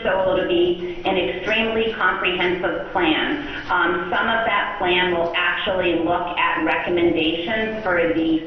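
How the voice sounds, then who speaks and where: A woman speaking over a phone line as a state official answering council questions, pausing often with um fillers. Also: fairly low pitch. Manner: frequent um fillers, halting phrasing. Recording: muffled echoey phone line, faint noise.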